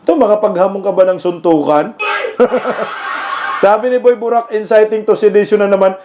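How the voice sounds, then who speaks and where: A man giving casual political commentary, mocking and laughing often, now and then bursting into shouts. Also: high-pitched, moderate pace. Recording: dull lo-fi with clear background noise.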